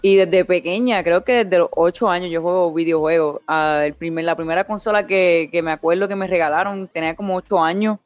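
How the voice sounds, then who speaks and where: A woman's voice: on the low side, steady tone, fairly quick, hardly any pauses, no echo. A young woman from Puerto Rico with a Puerto Rican accent, a streamer chatting casually as an interview guest, laughing often and mixing in English words. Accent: Puerto Rican Spanish.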